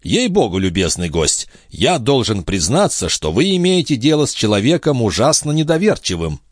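A man's voice: mid-range voice, very animated, moderate pace, no room sound, clean studio sound, pitched above the performer's own voice. A man voicing a sarcastic, skeptical old male baron in an audiobook. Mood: mocking. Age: older. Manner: sarcastic, laughing, doubting.

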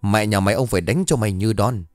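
A man voicing a cruel, foul-mouthed middle-aged rural father who yells coarse insults rapidly. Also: lowish voice, big pitch swings, no echo, clean studio sound, soft background music. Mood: raging. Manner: coarse cursing and yelling, rapid.

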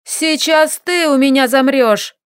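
A woman playing a fiery young heroine from a fantasy audiobook, raised high and loud with indignation. She hurls her accusations in a bright, lifted voice, recorded close and dry. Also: sing-song, takes it slowly, dry recording, full character voice. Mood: furious. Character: furious young woman scolding her lover.

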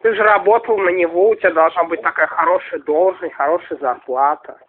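A man making a prank call, casually needling with halting questions. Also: high-pitched. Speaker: prank caller. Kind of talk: casual, needling phone chat. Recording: noisy, tinny phone line.

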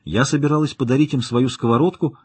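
A man narrating an audiobook, reading lively dialogue and lifting his voice for the women's lines. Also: medium pitch, quick pace, husky, dry recording. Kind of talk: scripted narration with character voices.

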